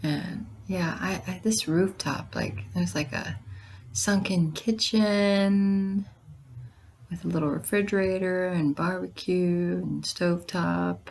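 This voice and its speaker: A woman chatting casually to viewers in a halting way, her hoarse voice giving out and breaking into whispers. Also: lowish voice, fairly even intonation, a little mellow. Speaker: vlogger.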